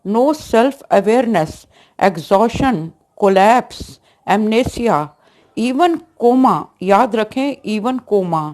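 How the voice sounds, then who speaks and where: A woman homeopathic doctor gives a health lesson, explaining deliberately and mixing in English medical terms. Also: mid-range voice, a little mellow.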